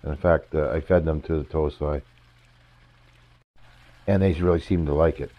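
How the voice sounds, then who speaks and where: An older man with a cold-roughened voice gives a casual, halting review of fish food for his pond, with his voice breaking upward now and then. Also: a bass voice, fairly even intonation, no room sound. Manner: halting, pauses mid-sentence to find words. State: hoarse from a cold, voice cracking upward. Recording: dull lo-fi, dry sound.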